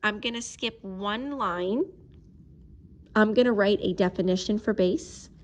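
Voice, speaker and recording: Female teacher, mid-pitched, patient, step-by-step math lesson voice, occasionally slows down while writing. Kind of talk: recorded math video lesson.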